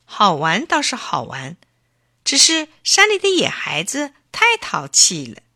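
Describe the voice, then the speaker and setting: A woman voicing a cheerful, impatient little boy in a children's storybook reading, exclaiming in a high voice. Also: wildly swooping pitch, unhurried, sharp tone, no echo, studio quality, full character voice. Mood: eager.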